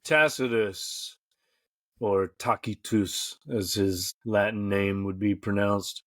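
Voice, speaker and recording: A man's voice: lowish voice, fairly even intonation, takes it slowly, dry recording. A man co-hosting a casual livestream podcast, reading florid write-ups and breaking off for jokey asides. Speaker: podcast co-host.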